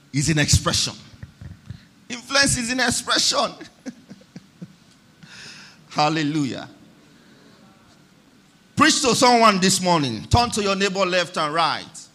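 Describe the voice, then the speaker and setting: A man's voice: sits high, very animated, slow, pauses often, bright, forceful tone. A man preaching a church sermon, driving his points home with emphatic repetition and calls for the congregation to respond. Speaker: pastor.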